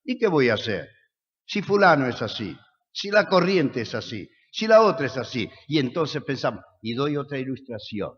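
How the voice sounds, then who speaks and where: A man with an Argentine accent preaches with passion, his voice rising and falling through rhetorical questions. His speech has a lively, animated pitch. The recording is dull and lo-fi, with a long echo from a church hall. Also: normal speed. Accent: Argentine Spanish. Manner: impassioned, rhetorical questions, sudden swings between soft and loud. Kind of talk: sermon. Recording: echoey hall, dull lo-fi sound.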